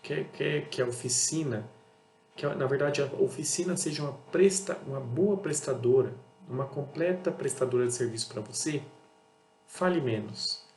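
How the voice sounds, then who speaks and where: A man's voice: mid-range voice, moderate pace, a little mellow, soft background music. A Brazilian man running an auto parts business talks bluntly in a casual monologue, repeating himself and acting out exchanges with customers. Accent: Brazilian Portuguese. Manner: blunt, repetitive, acts out dialogues with customers. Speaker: auto parts seller and channel host. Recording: echoey room with faint hum.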